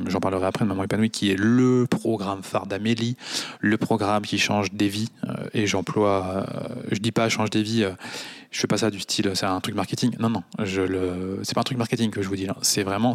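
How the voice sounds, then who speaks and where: A man's voice: on the low side, little pitch movement, brisk. A man hosting a podcast, talking bluntly and mockingly with plenty of swearing, standing in his kitchen at a microphone. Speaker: podcast host. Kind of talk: casual podcast monologue.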